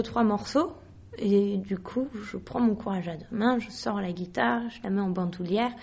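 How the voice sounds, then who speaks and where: A young woman from Paris, a singer answering interview questions, often pausing and searching for her words. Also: mid-range voice, a little mellow, dull audio. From Paris, France. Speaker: singer guest. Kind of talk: radio interview.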